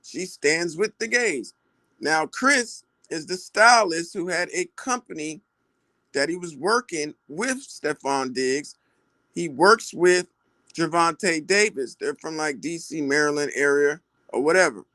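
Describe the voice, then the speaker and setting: A man's voice: fairly high pitch, measured pace, dry recording. Slangy male gossip commentator, dry sound. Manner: slangy, animated retelling with quoted voices.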